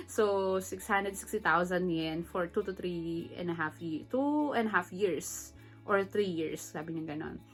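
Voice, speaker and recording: A woman's voice: fairly low pitch, fairly bright tone. A middle-aged woman from the Philippines, vlogging in a chatty, emotional way that mixes English into her Tagalog, laughing often. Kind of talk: casual personal vlog.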